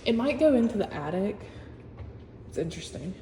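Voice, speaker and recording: A woman's voice: medium pitch, sing-song, a little fast. A woman working as a real estate agent, giving a casual room-by-room tour of a new house in a chatty, matter-of-fact way. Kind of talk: casual home-tour walkthrough. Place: empty new-built house, indoors. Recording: echoey empty rooms with long reverb, faint hum.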